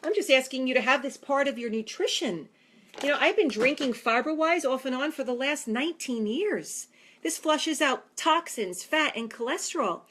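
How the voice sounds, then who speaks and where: A woman's voice: sits high, expressive, normal speed, fairly bright tone, a little hiss or hum. A woman in her forties with a New York accent, a fitness trainer talking earnestly and chattily in a vlog. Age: 40s. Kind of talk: casual vlog talk.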